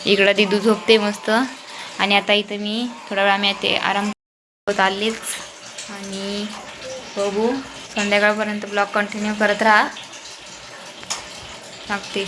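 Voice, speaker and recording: A woman's voice: mid-range voice, monotone, unhurried, long pauses, noisy background. A young woman, a mother from Maharashtra, chatting casually to viewers in a family home vlog, often cooing to her baby. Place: home, indoors.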